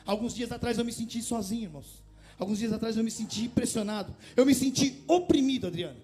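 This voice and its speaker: A male pastor with an unusually high voice delivers a conversational sermon in a church. He peppers the congregation with rhetorical questions and swells into passionate, pleading appeals. Faint music lingers behind him. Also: quick pace, a little mellow.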